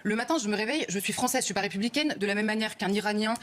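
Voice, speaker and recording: Woman, fast, emphatic, argumentative, faint background noise. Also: medium pitch.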